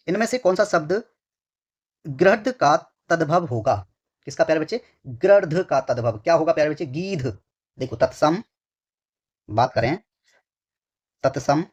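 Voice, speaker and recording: A male exam tutor giving a lesson. He asks questions and answers them himself, repeats phrases several times, and keeps addressing his students affectionately. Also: a little high. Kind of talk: online exam-prep lesson. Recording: dull lo-fi recording.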